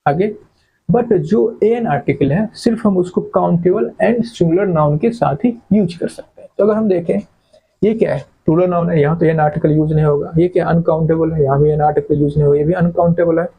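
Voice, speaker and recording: A man's voice: fairly high pitch, brisk, warm tone, breathy edge, poor audio. A man teaching English grammar in a classroom-style lecture, often asking a question and then answering it himself. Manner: asks questions and answers them himself, repeats key words.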